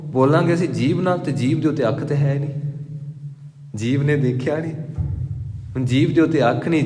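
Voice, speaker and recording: Male preacher, mid pitch, slow verse-by-verse sermon, roomy hall echo. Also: darkish tone. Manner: explains verses slowly, repeating lines for emphasis. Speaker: Sikh preacher giving scripture commentary. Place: gurdwara hall. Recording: echoey hall reverb.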